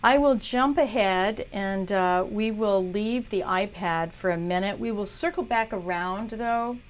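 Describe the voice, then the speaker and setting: A woman's voice: medium pitch, unhurried. A woman teaching art on a livestream, chatting casually as she talks viewers through a drawing demo. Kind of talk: live demo tutorial.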